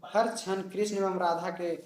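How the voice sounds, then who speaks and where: A man teaching a poetry lesson in a casual, chatty way, slowly reciting verses and explaining them line by line. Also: high voice, flat delivery, a little mellow. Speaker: coaching teacher. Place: home room, dog barking outside. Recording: echoey room.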